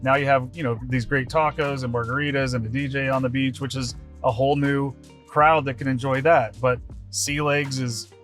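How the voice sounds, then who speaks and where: A man's voice: medium pitch, fairly even intonation, normal speed, a bit bright, faint music behind. A man with an American accent hosting a podcast interview in an informal, conversational way. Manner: informal, conversational, self-deprecating. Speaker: podcast host. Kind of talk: casual interview chat.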